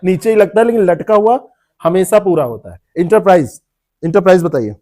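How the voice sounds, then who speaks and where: A man's voice: sits high, expressive, a little fast, darkish tone. A man teaching a classroom lecture, explaining word meanings, repeating terms and quizzing students by name. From India.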